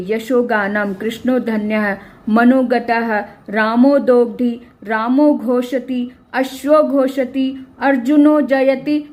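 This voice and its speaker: A woman's voice: sits high, darkish tone. A woman teaching a grammar lesson to students, explaining patiently and checking they follow. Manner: patient, explanatory, checks understanding with tag questions; reads examples out slowly and clearly. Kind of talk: classroom-style grammar lesson.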